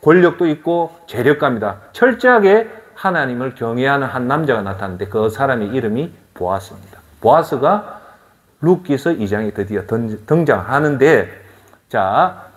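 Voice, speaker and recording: A middle-aged pastor with a Gyeongsang accent delivers a sermon, pelting his listeners with rhetorical questions. His mid-range voice leaps and dips with great animation, then drops to soft, low asides. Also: animated, normal speed. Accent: Gyeongsang Korean.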